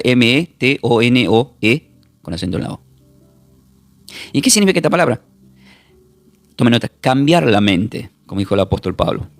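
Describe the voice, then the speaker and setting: Argentine pastor, lively gravelly preaching voice. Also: male voice, mid-range voice, no echo. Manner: emphatic preaching, repeats words, spells Greek terms slowly. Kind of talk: recorded Bible class sermon.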